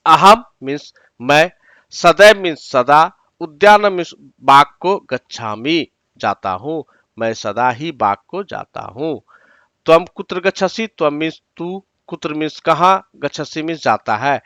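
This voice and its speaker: High-voiced man teaching word by word. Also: lively intonation, a bit bright, dry recording, studio quality. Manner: explains word by word, repeats often; slows to spell out example sentences. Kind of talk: online exam-prep lesson.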